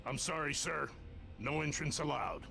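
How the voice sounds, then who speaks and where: An actor playing a dutiful, apologetic video game guard, deferential but insistent. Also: male voice, fairly high pitch, lively intonation, moderate pace, vocal fry, pushed and bright, slight background noise, full character voice. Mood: apologetic, firm. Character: dutiful, apologetic male guard refusing entry by orders. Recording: music behind the voice.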